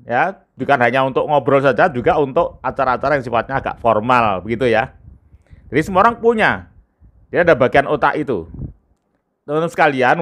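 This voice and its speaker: A middle-aged man giving a spoken lesson on speaking skills, lively and emphatic, often filling pauses with short "ya" and "eh" sounds. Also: mid-range voice. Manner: lively, emphatic, stretches key words; frequent filler "ya" and "eh". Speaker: communication trainer.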